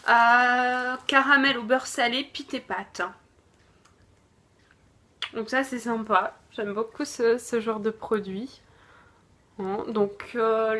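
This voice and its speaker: A woman's voice: a little high, pushed and bright. A woman reviewing a food subscription box in casual chat, hesitant, with lots of fillers and self-corrections. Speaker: unboxing vlogger.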